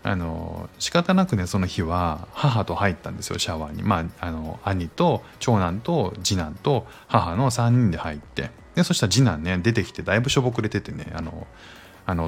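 Male podcast host, thirties, low gravelly voice, easygoing rambling delivery full of fillers. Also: a little fast. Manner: rambling, relaxed storytelling with many fillers. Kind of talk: casual solo podcast chat.

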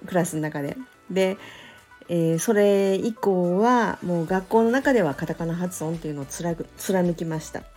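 A woman with a low, mellow voice gives a solo podcast talk on pronunciation. She speaks gently and thoughtfully and pauses on small fillers. Soft music plays faintly behind her. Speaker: English pronunciation teacher.

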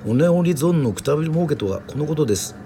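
A man's voice: fairly high pitch, animated, fairly quick, dark tone, slight background noise, pitched above the performer's own voice. A man voicing a polite woman teacher and mother in a storybook reading, speaking formally.

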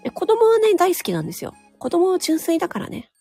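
This woman's very high voice swoops wildly in pitch, brisk and warm with vocal fry, over soft background music. Alone on her audio channel, she gives a frank, chatty monologue loaded with small nodding asides and tag particles.

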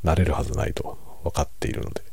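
A middle-aged man chatting quietly late at night over a drink, in a hushed, unhurried, musing and self-deprecating way. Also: dry recording. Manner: relaxed monologue while drinking alcohol. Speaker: streamer.

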